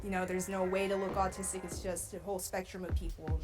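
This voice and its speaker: A woman's voice: lowish voice, little pitch movement, fast, over music. A woman of nineteen answering interview questions in a casual, blunt way. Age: teens. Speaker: interview participant.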